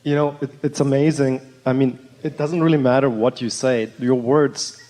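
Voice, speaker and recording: A man's voice: mid-range voice, steady tone, normal speed, dark tone. Earnest man in a reverberant hall. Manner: earnest, effusive. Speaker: audience member. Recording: reverberant hall, faint ambience.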